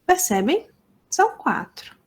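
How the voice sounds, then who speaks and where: A woman's voice: high voice, big pitch swings. A woman with a Brazilian Portuguese accent teaching a lesson, explaining step by step and checking often that students follow. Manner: slow, deliberate explaining with frequent checks for understanding. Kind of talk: online lesson explaining sign language phonology.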